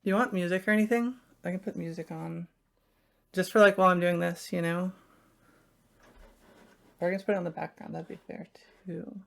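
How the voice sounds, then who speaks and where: Young woman streamer rambling to chat at home, creaky vocal fry. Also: lowish voice, fairly even intonation, brisk, pauses often. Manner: rambling, chatty, talking to viewers while fiddling. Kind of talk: casual live-stream chat.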